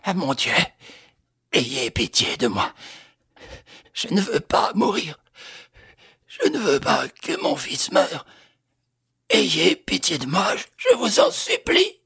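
A panicked, pleading engineer, as a male reader puts him on, his very husky voice leaping up and down. He begs and cries out in anguish. The recording is close and dry. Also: on the high side, huge pitch swings, slow, long pauses, sharp tone, dry recording, pitched above the performer's own voice, heavily acted. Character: terrified older man, wealthy engineer, desperate.

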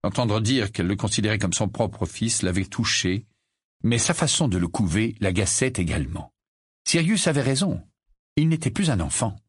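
Husky male audiobook narrator. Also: fairly low pitch, dry recording, clean studio sound. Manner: measured, expressive reading. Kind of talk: scripted narration.

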